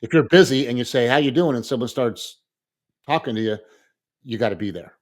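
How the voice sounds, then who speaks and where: Fairly quick and medium in pitch, this middle-aged man's voice carries animated storytelling on a casual podcast he co-hosts. He acts out quoted dialogue along the way.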